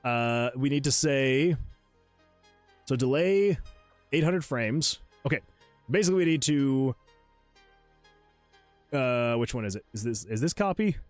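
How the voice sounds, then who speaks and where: A man developing a game solo, chatting casually on a livestream as he fiddles with his software, rambling and restarting his sentences and often laughing at himself. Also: medium pitch, lively intonation, a little slow, pauses often, no echo, faint music behind. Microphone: USB desk microphone.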